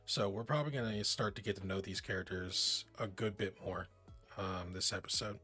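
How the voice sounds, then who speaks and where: A man's voice: deep voice, fairly even intonation, normal speed, sharp tone, slightly rough, faint music behind. A man streaming a tabletop game, chatting casually and rambling through the week's plans, with some swearing.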